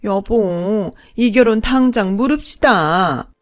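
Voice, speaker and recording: A woman voicing a snobbish, scheming stepmother-in-law who talks in a shrill, condescending way. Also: expressive, normal speed, darkish tone, dry recording, clean studio sound, lightly acted. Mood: indignant.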